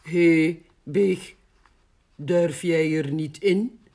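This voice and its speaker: A woman's voice: low voice, very slow, dark tone, heavily acted. Woman voicing storybook mole, male, friendly, near her own voice.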